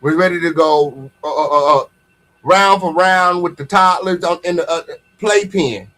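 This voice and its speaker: Sassy, higher-voiced American man dishing gossip. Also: a little slow, fairly bright tone. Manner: sassy, slangy, repeats phrases for emphasis. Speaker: host of an online gossip commentary show. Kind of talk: casual livestream gossip commentary.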